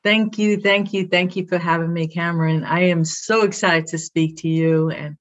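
A woman's voice: lowish voice, steady tone, moderate pace. Woman, Brooklyn accent, middle-aged, proud and upbeat, slightly muffled recording. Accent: Brooklyn New York. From Brooklyn, New York. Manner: proud, upbeat, talks in short phrases. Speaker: guest, college athletic director. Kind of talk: conversational interview.

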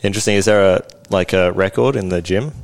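A male podcast host keeps the interview casual, asking curious and reflective questions. He talks quickly in a low voice. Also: creaky.

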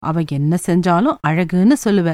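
A woman voicing a gentle, patient mother who gives calm, kindly advice in a storybook reading. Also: lowish voice, moderate pace, no room sound, clean studio sound, lightly acted. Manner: soft, reasoning, kindly.

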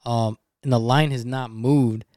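A young man co-hosting a podcast, telling a betting story in an animated, casual way and swearing freely. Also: medium pitch, a little slow, no echo, studio quality. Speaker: podcast co-host.

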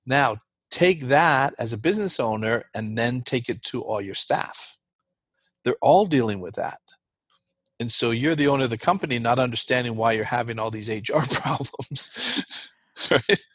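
Husky man explaining earnestly. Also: medium pitch, expressive, normal speed, a bit bright, dry recording. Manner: earnest, explains with rhetorical "right?" checks. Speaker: guest expert. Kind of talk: explanatory interview talk.

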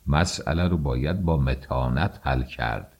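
A man doing a composed elder uncle in an audiobook, speaking with measured calm in a very deep, husky voice. He reasons patiently rather than raising his voice. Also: dull audio. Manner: measured, persuasive. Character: calm, dignified older uncle, elder brother. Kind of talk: audiobook character voice.

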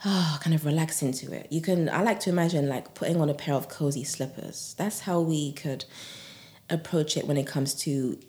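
A woman guest on a podcast, a yoga teacher and author, talking in a gentle, soothing way with frequent laughs and soft breathy asides. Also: deep voice, normal speed. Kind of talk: relaxed podcast conversation.

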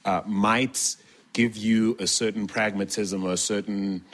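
A man with a very deep voice conducts an interview. He asks long, probing questions that wind through several clauses before landing. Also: steady tone, measured pace, a bit bright.

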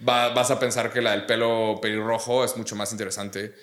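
A man's voice: on the low side, little pitch movement, brisk, a bit bright. Blunt man in echoey room. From Monterrey, Mexico. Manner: blunt, slangy and profane. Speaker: guest. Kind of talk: casual podcast chat. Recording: roomy echo.

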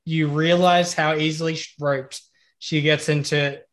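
Bright, higher-voiced man bantering casually. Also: little pitch movement, measured pace. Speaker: podcast panelist.

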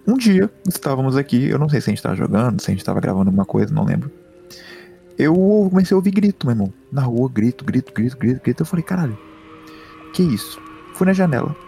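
A man co-hosting a podcast, telling a personal story in an excitable way and repeating words and slang. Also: mid-range voice, rapid-fire, vocal fry, soft background music. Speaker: podcast co-host. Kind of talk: casual storytelling chat. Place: home room.

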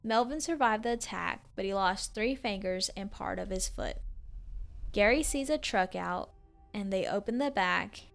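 A woman's voice: mid-range voice, moderate pace, creaky, soft background music. Woman casually retelling a story. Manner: retells a story with fillers, acts out shouted quotes. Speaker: podcast co-host.

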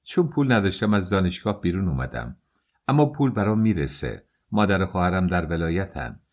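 Male reader as a humble sickly student, pleading, deep storybook voice. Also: very animated. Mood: apologetic. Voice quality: apologetic, pleading. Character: poor sick young male student, apologetic.

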